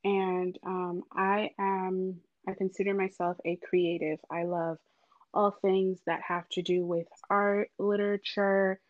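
A woman from Haiti, a podcast guest, introducing herself in a casual, earnest way with frequent pauses. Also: mid-range voice, level tone, no echo, narrow, tinny audio.

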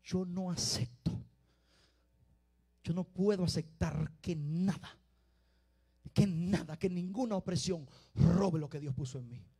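A man preaching a sermon, dropping to quiet confiding talk and rising to loud shouted exhortation. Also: high voice, measured pace, pauses often, breathy edge.

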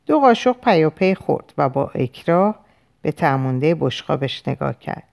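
Low-voiced woman narrating a dark novel. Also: very animated, vocal fry. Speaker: audiobook narrator. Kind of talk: dramatic audiobook narration.

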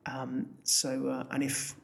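An Essex man, a business founder appearing as a podcast guest, gives chatty, emphatic interview answers and often repeats words. His mid-range voice is gravelly and monotone, and he takes things slowly.

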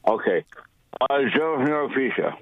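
Gravelly male radio caller on a phone line. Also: mid-range voice, animated, normal speed, dry recording. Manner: brief, hesitant replies. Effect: heard over a phone line.

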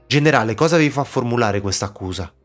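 A man's voice: mid-range voice, lively intonation, fast talker, faint music behind, lightly acted. A man voicing a cunning elderly male court minister who speaks courteously and persuasively. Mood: placating.

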